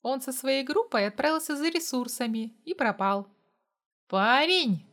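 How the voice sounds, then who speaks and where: A woman's voice: high-pitched, lively intonation, normal speed. Woman reading a first-person audiobook. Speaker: narrator.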